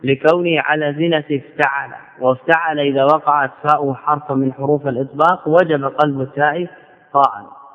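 A man's voice: fairly high pitch, steady tone, brisk. A man teaching Arabic grammar in a lecture, repeating key phrases and asking himself questions before answering them. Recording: tinny lo-fi lecture recording in a reverberant hall.

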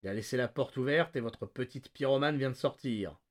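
A man voicing a calm, menacing male agent who speaks slowly and quietly. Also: mid-range voice, lightly acted. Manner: slow, quiet, even.

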